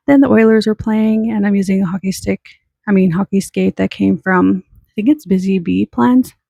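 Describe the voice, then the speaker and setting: Chatty young woman, gravelly and dry. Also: mid-range voice, mellow, no echo. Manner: chatty, rambling, self-deprecating. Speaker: planner vlogger. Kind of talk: casual planner walkthrough.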